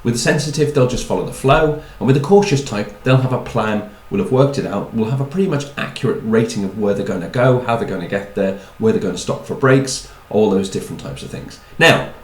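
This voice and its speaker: A man's voice: fairly low pitch, brisk, few pauses, echoey room, low-quality recording. A man giving a chatty talk on personality types, with wry asides and repeated words. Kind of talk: talk to an audience.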